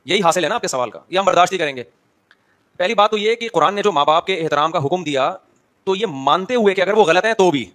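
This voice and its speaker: A man's voice: fairly high pitch, fairly bright tone. A man, an Islamic scholar answering audience questions, explaining patiently and checking whether listeners follow. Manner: explanatory, addresses listeners directly with rhetorical questions; brief acknowledgements between questions.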